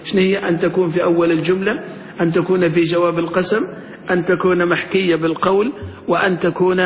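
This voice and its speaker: Male grammar teacher, high voice, drills the class with questions, lecture recorded in a reverberant hall. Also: little pitch movement, fast, highs cut off. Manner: quizzes students with questions, then answers them himself.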